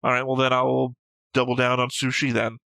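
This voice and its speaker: Co-hosting an anime reaction show, this man trades unscripted banter and commentary in a dry, teasing manner. His mid-range voice is creaky, bright and forceful, delivered fairly quickly in a monotone, with no echo.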